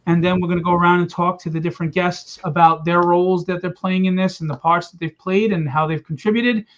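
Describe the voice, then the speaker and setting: Briskly and in a high, even voice, the host of a comic's livestream launch party banters with and teases his guests while pushing the campaign. He is the comic's publisher, and the stream's sound is dull and lo-fi.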